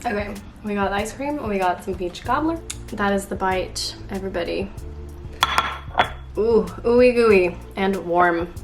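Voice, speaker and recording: A woman's voice: mid-range voice, measured pace. A woman in her twenties chatting casually to the camera while baking at home, bubbly and full of "like" fillers. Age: 20s. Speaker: lifestyle vlogger. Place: home kitchen, indoors. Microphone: camera on the counter. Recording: echoey kitchen, faint music.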